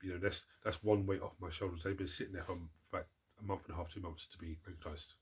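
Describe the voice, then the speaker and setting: A man with a low, steady voice talks at a quick pace over a slight hiss or hum. He hosts a hobby channel and chats casually through viewer questions, congested from a cold, rambling, interrupting himself and restarting words.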